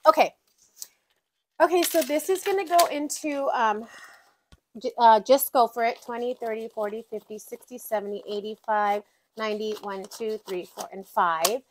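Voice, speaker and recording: A woman's voice: a little high, slight background noise. A woman vlogging about her budget in casual chat, counting bills aloud and chatting to her savings binders.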